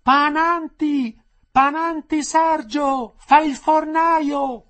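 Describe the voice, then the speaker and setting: A man voicing a desperate working-class wife who shouts up to prisoners behind bars, in a strained, high, drawn-out call. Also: fairly even intonation, full character voice. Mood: urgent.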